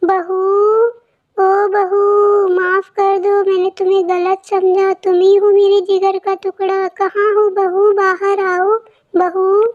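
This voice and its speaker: A woman voicing a dramatic older mother-in-law in a cartoon, calling out and pleading loudly. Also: very high-pitched, flat delivery, measured pace, muffled recording. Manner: loud pleading calls.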